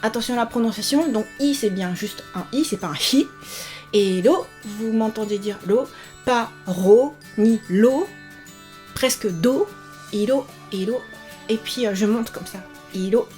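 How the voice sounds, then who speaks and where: A cheerful young woman teaching a language video lesson, repeating each word slowly and clearly. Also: on the high side, a little mellow, faint music behind.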